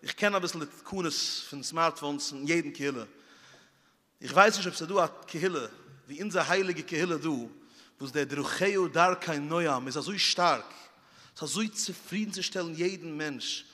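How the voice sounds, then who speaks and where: A man gives a moralizing talk built on vivid anecdotes, acting out moments with small puffing sound effects. His voice is bright and sharp. The recording carries a long, lingering hall reverb. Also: a little high, moderate pace.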